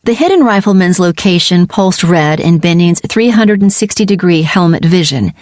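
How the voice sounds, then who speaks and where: A woman narrating a science-fiction audiobook in a steady, even storytelling manner. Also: fairly low pitch, no room sound, studio quality. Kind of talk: scripted narration.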